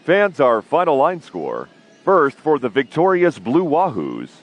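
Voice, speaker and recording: A man voicing a formal ballpark public address announcer whose words come over a distant stadium loudspeaker, slow and drawn out. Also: on the high side, wildly swooping pitch, muffled recording, heavily acted. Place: outdoor ballpark.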